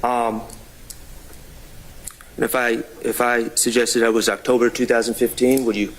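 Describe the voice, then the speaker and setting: A man working as a defense attorney, questioning and arguing in a courtroom with halting, deliberate phrasing. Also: medium pitch, level tone. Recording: noisy courtroom audio.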